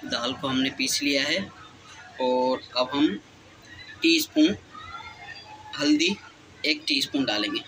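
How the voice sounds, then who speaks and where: A man's voice: medium pitch, wildly swooping pitch, slow pace, pauses often, pushed and bright, slight background noise, low-quality recording. A man hosting a home cooking channel, talking through each step of a recipe in a casual, chatty way with frequent filler phrases.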